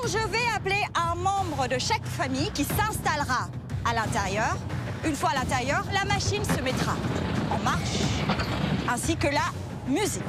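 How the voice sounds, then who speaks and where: A woman with a very high voice presents a competition as its host. She announces in formal, emphatic phrases while very loud music plays behind her. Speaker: game show host. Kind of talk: presenting and announcing game rules.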